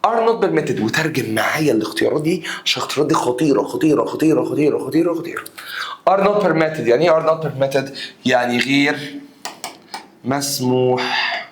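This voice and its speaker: A man with an Egyptian Arabic accent teaching an English exam review, asking the students rhetorical questions and answering them with emphasis. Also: medium pitch.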